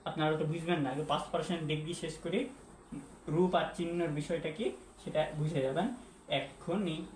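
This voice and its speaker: A man's voice: a little high, steady tone, normal speed, darkish tone. A man teaching a lesson at a whiteboard, repeating and spelling out words and putting questions to the viewer. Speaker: English teacher. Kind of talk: classroom-style lesson at a whiteboard. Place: classroom or room with a whiteboard. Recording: echoey room with faint background hum.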